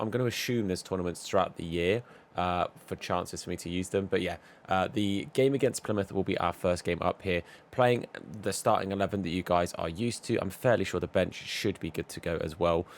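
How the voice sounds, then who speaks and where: This gaming YouTuber, his voice low, hoarse and going, gives chatty, upbeat casual commentary over a football video game while speaking directly to his viewers.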